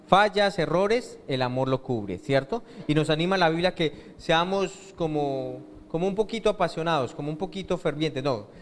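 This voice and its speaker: A male pastor delivers a sermon, pausing to ask the congregation questions and let them finish his sentences. His voice sits a little high for a man. The sound carries the long reverb of a church hall. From Colombia. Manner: asks rhetorical questions and lets the congregation fill in the answer.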